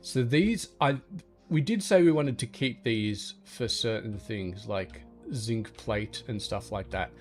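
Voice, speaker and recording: In a slow, lowish voice, a man who hosts a gaming channel offers laid-back commentary, talking through his plans and chatting to things on screen while soft music plays.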